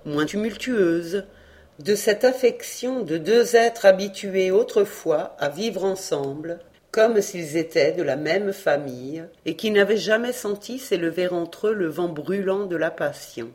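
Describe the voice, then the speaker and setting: A narrator calmly reading a classic novel aloud as an audiobook. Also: mid-range voice. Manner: calm, measured reading. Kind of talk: scripted literary narration.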